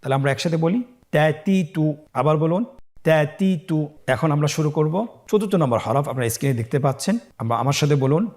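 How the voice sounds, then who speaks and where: A man teaching a Quran lesson, patient and encouraging, drawing out syllables slowly as he sounds out letters for learners to repeat. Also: fairly high pitch, animated, darkish tone. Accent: Bangladeshi Bengali. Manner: slow drawn-out syllables when sounding out letters. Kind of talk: step-by-step lesson, learners repeat after him. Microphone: facing the camera on screen.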